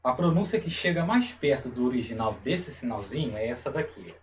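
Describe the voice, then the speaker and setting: A man giving a Hebrew lesson on video, slowly and carefully, repeating each term as he explains it. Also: medium pitch, animated, distant mic, slight background noise, low-quality recording. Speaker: Hebrew teacher.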